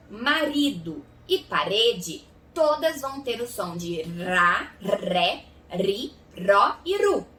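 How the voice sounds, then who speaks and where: A woman with a Goiás Brazilian accent teaches children to read. Her voice is high, bright and very lively as she stretches out each sound. She is recorded a bit off-mic in a roomy, echoey space. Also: distant mic. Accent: Goiás Brazilian Portuguese. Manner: slow, exaggerated sound-by-sound enunciation. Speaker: literacy teacher. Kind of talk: children's phonics lesson.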